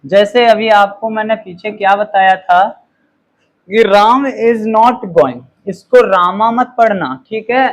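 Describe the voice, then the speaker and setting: This is a low-quality recording of a man teaching grammar in a high-pitched voice. He explains slowly, reads example sentences very clearly, and says "okay" after each point to check in.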